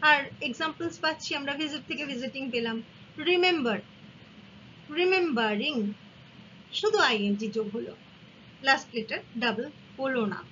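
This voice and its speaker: An animated woman with a high, sharp-toned voice teaches English grammar at a moderate pace, pausing often. She is patient, spelling words letter by letter and repeating every example as she explains spelling rules, with a slightly dull, lightly hissy sound.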